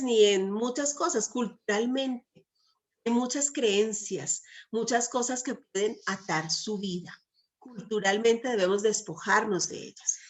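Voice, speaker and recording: A woman preaching a sermon who keeps turning to her listeners with rhetorical questions and quotes scripture in a coaxing tone. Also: a little high. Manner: asks the audience frequent rhetorical questions.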